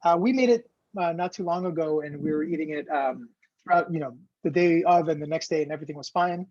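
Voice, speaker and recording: A man who grew up in Ecuador gives an online cooking class on a video call, his delivery loose, rambling and filler-packed. He speaks fast in a fairly high voice with a darkish tone. There's no room sound, and the call audio is dull and lo-fi.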